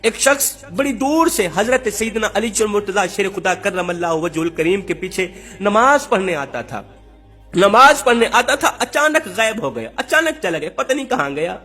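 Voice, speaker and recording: A man's voice: high-pitched, sing-song, bright, forceful tone, slightly rough, soft background music. A man preaching and telling a religious story, emphatic and repeating phrases for effect.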